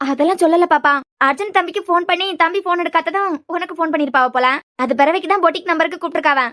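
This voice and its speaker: A woman voicing a kindly older shop worker in a cartoon serial, gently explaining with a Kanyakumari Tamil accent. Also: extremely high pitch, rapid-fire. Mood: concerned.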